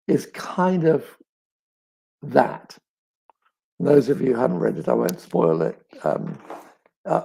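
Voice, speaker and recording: A middle-aged author answers audience questions in a reflective live chat, his medium-pitched voice warm yet crackly and raspy, like he has a frog in his throat. He tells stories with thoughtful pauses and emphasis.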